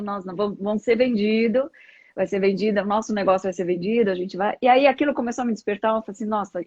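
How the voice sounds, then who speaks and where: A middle-aged woman from Brazil, a yoga practitioner, joins a live interview as a guest and explains things in a conversational, reflective way using examples. Her mid-range voice has a darkish tone with no echo, heard through dull, lo-fi live stream audio.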